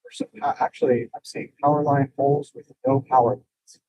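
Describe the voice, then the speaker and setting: A man giving casual live commentary as a storm chaser, in an offhand but excitable way, over a phone stream. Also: mid-range voice, brisk, no echo. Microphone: phone livestream. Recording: muffled, lo-fi mobile livestream.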